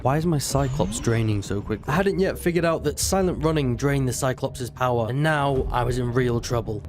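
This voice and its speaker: A man's voice: medium pitch, a little fast. A young man narrating his gameplay as a scripted story with wry, understated asides. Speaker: gaming video creator. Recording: voice-over with music behind. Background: game music.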